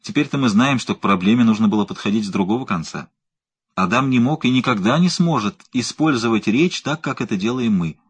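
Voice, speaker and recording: Audiobook: man voicing a calm male scientist, methodical and lecturing, husky tone. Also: mid-range voice, a little fast. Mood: explaining. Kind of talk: audiobook reading.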